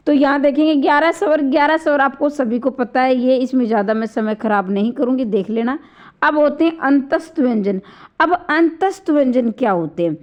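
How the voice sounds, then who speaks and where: A woman with a high voice gives an online grammar lesson, going step by step and voicing each sound aloud to demonstrate. Her throat is slightly sore. The recording is dull and lo-fi. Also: normal speed. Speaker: Hindi grammar teacher. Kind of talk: online exam-prep lecture.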